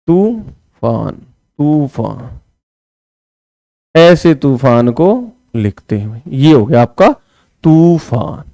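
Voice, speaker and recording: Brief: male Hindi teacher, high clear voice, dry close mic, talks through exam questions. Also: no room sound. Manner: explains step by step, often asks "है ना"; writes on a board while talking. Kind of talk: exam-prep lesson.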